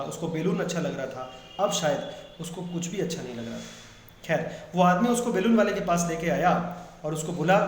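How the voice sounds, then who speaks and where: A man teaching a class reads a story aloud at a slow, drawn-out pace, then explains it, dropping his voice low and quiet for the quoted lines. His voice sits fairly high. The room around him rings with a long, hollow echo over a faint background hiss.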